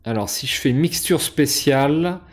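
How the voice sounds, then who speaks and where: A man's voice: a little high, a little slow. Hesitant man explaining a board game. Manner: hesitant, many fillers and restarts. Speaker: board game channel host. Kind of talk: casual gameplay explanation.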